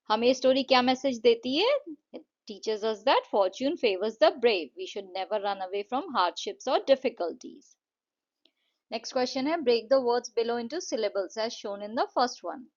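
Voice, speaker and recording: A woman with an Indian accent teaching an English lesson in an explanatory way. She reads the English lines slowly and deliberately, then explains them more quickly. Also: fairly high pitch. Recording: dull lo-fi recording.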